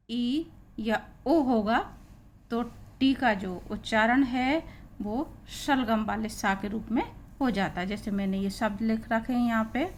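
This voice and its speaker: A woman's voice: on the high side, a little hiss or hum. A woman with an Indian accent teaching English pronunciation, spelling words letter by letter and repeating each sound. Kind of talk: classroom pronunciation lesson.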